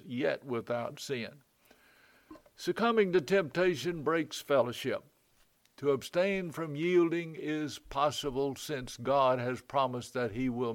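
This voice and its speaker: A man, a pastor, giving a short devotional sermon in a calm, measured storytelling voice. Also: mid-range voice.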